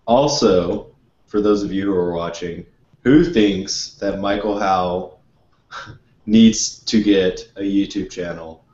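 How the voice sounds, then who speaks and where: A man co-hosting a casual gaming podcast, easygoing and quick to laugh, recorded on a lo-fi mic in an echoey room. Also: low voice, a little mellow. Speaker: podcast host. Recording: lo-fi echoey room with faint noise.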